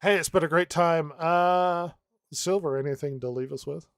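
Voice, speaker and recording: A man's voice: a little high, normal speed, smooth, no room sound, studio quality. A man hosting a casual podcast chat, sarcastic and jokey, often laughing. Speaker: podcast host.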